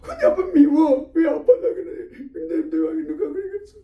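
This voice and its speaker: A wailing, tearful little boy whose voice climbs sharply high, as a man lecturing puts him on. He sobs out his words with a gravelly edge. It sounds like an echoey room, with the mic some way off. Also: fairly quick, muffled recording. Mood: sulky. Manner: wailing, sobbing high childish pleading. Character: young boy, tearful and clinging.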